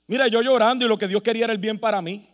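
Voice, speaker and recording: High-voiced male preacher in a reverberant hall. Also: very fast. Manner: emphatic preaching, with asides of humour and rhetorical questions. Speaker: pastor. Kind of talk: sermon.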